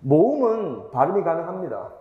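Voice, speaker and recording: A man's voice: a little high, very animated, normal speed, reverberant, long reverb tail, phone-quality sound. A man teaching grammar in a lecture, asking students rhetorical questions and repeating key points with emphasis.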